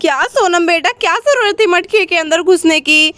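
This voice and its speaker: Woman voicing a village mother doll, fussing, affectionate scolding, very high voice. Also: moderate pace, fairly bright tone, no room sound.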